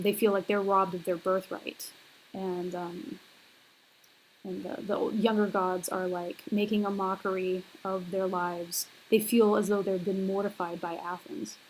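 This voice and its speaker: A woman's voice: medium pitch, slight background noise, low-quality recording. A young woman lecturing on a recorded university class, talking casually and hesitantly with many fillers.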